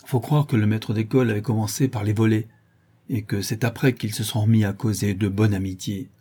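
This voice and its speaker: Man doing a rough Parisian brawler, slangy, rambling, loyal, husky tone. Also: fairly low pitch, steady tone, brisk, mellow. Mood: confiding. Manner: street slang, rambling storytelling.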